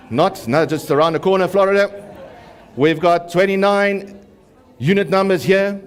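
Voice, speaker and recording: A man working as an auctioneer, calling a live auction in a repetitive rapid-fire chant broken by slow, emphatic price calls. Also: on the high side.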